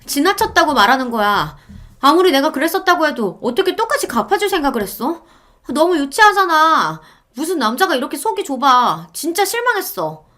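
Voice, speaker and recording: A woman's voice: sits high, very animated, a little fast, fairly bright tone, pitched above the performer's own voice. A woman voicing a defensive young wife who talks in a whiny, pleading way. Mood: accusing.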